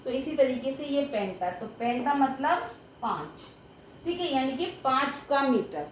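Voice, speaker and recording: Young teacher lady, high voice, explaining at the board bit by bit, roomy echo, faint hiss. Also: lively intonation, a little slow. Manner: explains step by step, often checks with "ठीक है". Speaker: English grammar teacher. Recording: echoey room with faint background noise.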